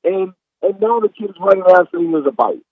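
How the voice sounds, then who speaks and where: A man's voice: high voice, a little fast, creaky, slightly rough, no room sound, exaggerated voice. A man calling in and playing a brash, defensive male monkey, heard over a distorted, fuzzy phone line with the phone held too close. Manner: defensive, rambling, excitable. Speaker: caller.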